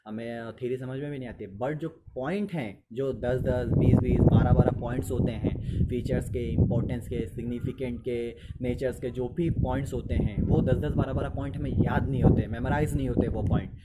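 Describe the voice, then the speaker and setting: Male teacher, chatty and repetitive, mid-pitched, recorded with a noisy hiss. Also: steady tone, normal speed, few pauses. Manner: conversational, repeats phrases, mixes English into Hindi. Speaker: teacher giving study tips. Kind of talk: casual spoken study advice.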